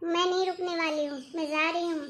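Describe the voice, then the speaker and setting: A fed-up middle-aged mother-in-law, voiced by a woman in a cartoon story, complaining with big dramatic sighs. The voice sits very high. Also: little pitch movement, a little fast, a bit bright. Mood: indignant. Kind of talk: cartoon voice acting.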